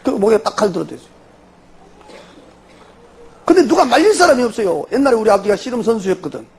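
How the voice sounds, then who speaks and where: Gravelly Jeolla-accented pastor telling a testimony. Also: male voice, high-pitched, fast talker. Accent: Jeolla Korean. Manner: animated storytelling with rhetorical questions. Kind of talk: testimony sermon.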